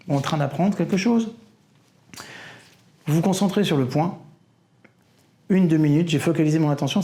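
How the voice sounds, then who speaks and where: Warm-voiced man coaching viewers. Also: on the high side. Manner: familiar and insistent, checks in with "d'accord?". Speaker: concentration coach. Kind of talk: direct-to-camera coaching talk. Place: indoor room with a painting beside him.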